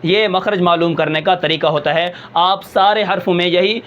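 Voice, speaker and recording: A man's voice: high-pitched, steady tone, a bit bright, slight background noise. A man teaching a tajweed pronunciation lesson as a Quran recitation teacher. He explains patiently, asks himself questions and checks in with "okay". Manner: slows and draws out words to demonstrate sounds. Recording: dull, slightly lo-fi sound.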